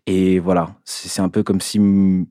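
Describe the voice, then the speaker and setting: A man, an actor interviewed as a guest, recounting his path in a reflective way, pausing often to find his words. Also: sits low, level tone, dark tone, no room sound, studio quality. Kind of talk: personal storytelling in an interview.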